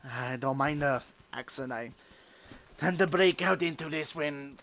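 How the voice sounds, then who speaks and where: A man's voice: a little high, measured pace. Profane, easily frustrated young gamer man. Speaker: gamer commentating his play. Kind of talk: casual gameplay commentary. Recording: loud game noise underneath. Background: video game sounds.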